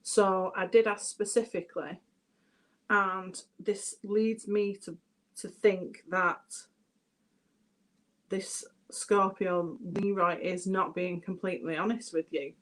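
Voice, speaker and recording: A British woman giving a chatty live tarot reading, addressing viewers by name and thinking aloud as she turns the cards. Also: medium pitch. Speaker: tarot reader.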